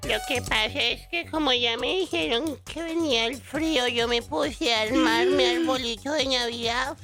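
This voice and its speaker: A woman's voice: high voice, moderate pace. A woman chatting affectionately and casually as the grandmother of a radio show. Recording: music bed behind the voice. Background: music.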